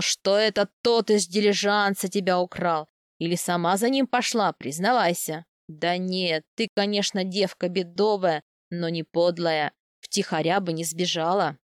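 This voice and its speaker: A woman voicing a gruff giant bearlike man. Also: fairly low pitch, fairly even intonation, a little slow, no room sound, studio quality, voice pushed down, natural voice. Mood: scolding. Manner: roaring, scolding. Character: huge bearlike man, gruff loyal protector.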